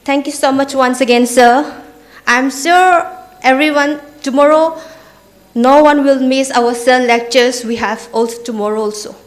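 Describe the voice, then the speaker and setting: Woman, fairly high voice, formal event host, polite, deferential. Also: measured pace. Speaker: seminar host introducing speakers.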